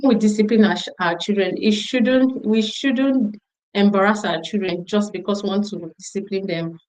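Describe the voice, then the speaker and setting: A woman's voice: mid-range voice, normal speed, darkish tone, low-quality recording. A middle-aged woman speaking at a parenting conference, telling a story emphatically and repeating phrases for stress. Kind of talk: storytelling talk to an audience.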